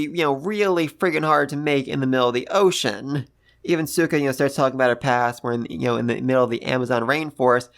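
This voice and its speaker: A man reviewing an anime episode in casual talk, enthusiastic and gushing, with casual swearing and lots of fillers. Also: medium pitch.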